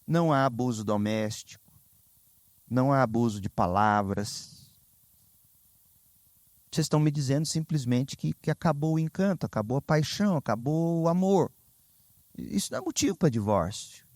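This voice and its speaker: A Brazilian man preaching a sermon as pastor, telling stories with lively, sudden high exclamations. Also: normal speed, long pauses, dry recording. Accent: Brazilian Portuguese. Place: church sanctuary.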